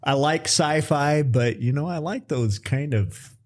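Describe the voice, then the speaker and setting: A man's voice: on the high side, measured pace. A middle-aged man co-hosting a podcast, chatting casually and mostly agreeing. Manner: agreeable, brief replies. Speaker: podcast co-host. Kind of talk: casual chat.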